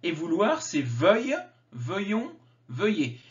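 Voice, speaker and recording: A man teaching a grammar lesson, slowly and carefully spelling out each example form. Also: high-pitched, huge pitch swings. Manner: slow, careful enunciation of example words. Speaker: French teacher. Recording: dull lo-fi sound.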